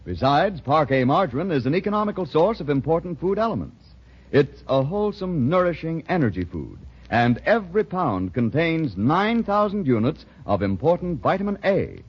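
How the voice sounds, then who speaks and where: With big pitch swings in a husky, slightly high voice, an American man reads scripted 1940s radio ads and narration at normal speed. His delivery is emphatic, polished salesmanship, captured in a dull recording of the era.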